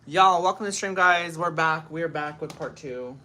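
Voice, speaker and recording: A woman's voice: low voice, moderate pace, bright, forceful tone, a little hiss or hum. A woman in her thirties hosting a casual livestream at home, greeting commenters by name while doing her makeup. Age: 30s. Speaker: livestream host. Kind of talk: casual live-stream chat.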